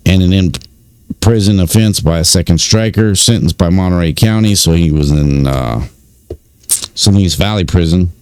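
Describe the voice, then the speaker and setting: A man's voice: deep voice, moderate pace, darkish tone, clean tone, dry recording. A man giving casual commentary, reading out records with many fillers and informal asides. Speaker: YouTube commentator on prison news.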